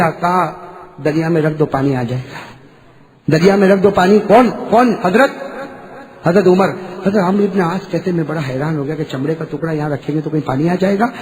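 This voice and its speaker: A man preaching a storytelling sermon, swinging from quiet talk to loud shouting and calling on the audience to answer. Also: sits high, long reverb tail. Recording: noisy live sermon recording.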